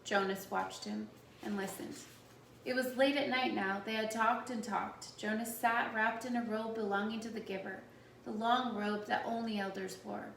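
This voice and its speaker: A woman reading a novel aloud in steady, measured narration. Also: mid-range voice, vocal fry, slight background noise. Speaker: audiobook reader. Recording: echoey room, voice from a distance.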